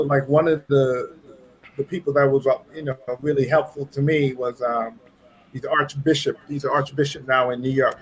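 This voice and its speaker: A man's voice: medium pitch, low-quality recording. A man from Trinidad with a Trinidadian accent, a pastor and guest, telling his story in an earnest, reflective way. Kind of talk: casual chat.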